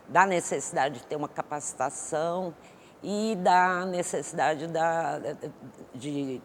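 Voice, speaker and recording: A woman guest expert in an interview, answering thoughtfully with many pauses and restarts. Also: sits low. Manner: hesitant, many fillers and restarts. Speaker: economist guest. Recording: long hall reverb with faint noise.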